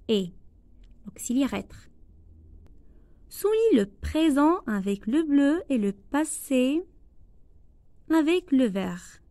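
A woman teacher with a Moroccan accent, going slowly through a worksheet lesson, repeating each phrase and translating it into Arabic. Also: fairly high pitch, a little mellow, no room sound. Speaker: primary school teacher.

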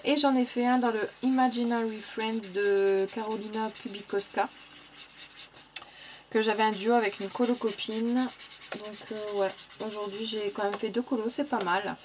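Talking her way through a casual drawing tutorial on coloring, a woman with a non-standard French accent mutters "hop," fixes her own mistakes and laughs at them. She speaks at normal speed in a slightly high, darkish, steady voice over a faint hiss or hum.

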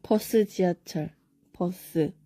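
Young woman, casual live-stream chat, reads comments aloud, warm mellow tone, dry close sound. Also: lowish voice, dry recording. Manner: chatty, reads comments aloud, answers quick either-or questions.

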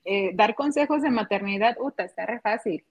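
A woman with a Mexican accent chatting casually, animated, laughing often and acting out what people said. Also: medium pitch, fairly quick. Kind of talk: casual chat. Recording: dull lo-fi audio.

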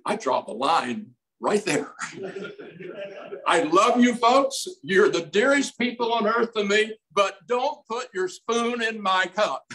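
A man in his eighties preaching a sermon as pastor, slow and emphatic in a folksy way, recorded on a desk mic in a small room. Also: sits high, animated, fairly bright tone, rough recording. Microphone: desk mic on stand, streamed over video call.

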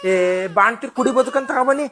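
A man's voice: extremely high pitch, normal speed, bright, forceful tone. A man acting as a fussy, gossipy young village mother just after childbirth, nagging and chattering on the phone in a comic skit. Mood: whiny, demanding.

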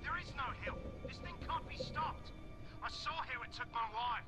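Brief: a high, shaky survivor over the radio in a game, all hope lost. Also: male voice, normal speed, music in the background. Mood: despairing. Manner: hopeless, shaken. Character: despairing male survivor on the radio.

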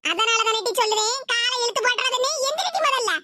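A woman voicing a harsh, scolding old village mother-in-law with a Tirunelveli accent in an animated cartoon. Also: very high-pitched, fast. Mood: stern. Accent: Tirunelveli Tamil. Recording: hissy home recording.

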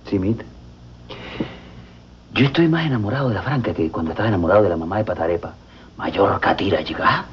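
A man's voice: deep voice, expressive, quick pace, pauses often, a little hiss or hum. Melodramatic lovesick Venezuelan man. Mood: lovelorn. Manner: melodramatic, rambling. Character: lovesick comic older man, theatrical and self-pitying. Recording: dull TV audio with music.

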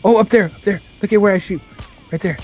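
A man's voice: high voice, quick pace. A young man in casual gaming chat, informal and sweary, often repeating himself. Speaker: video game player. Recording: faint game gunfire behind voice. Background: video game gunfire.

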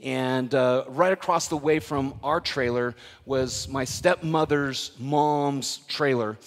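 A middle-aged man, a pastor, preaching a lively sermon that swings from loud emphasis to hushed asides with self-deprecating humor. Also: medium pitch, slow. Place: church sanctuary. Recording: live church hall with long reverb.

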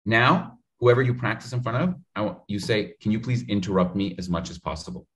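Gesturing a lot and speaking straight to the viewer, a man in his thirties energetically advises on public speaking during a video-call interview from home. His voice is on the low side and a little fast, captured by an in-frame studio mic with slight background noise.

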